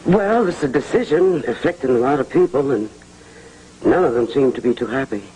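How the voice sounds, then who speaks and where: A man's voice: mid-range voice, animated, a little fast, warm tone, lightly acted, poor audio. A man plays a comforting, fatherly figure in a 1980s TV soap. He sounds soothing and affectionate, with a mid-range voice. Faint hiss from an old TV recording is behind him. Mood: reassuring. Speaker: actor in a soap opera.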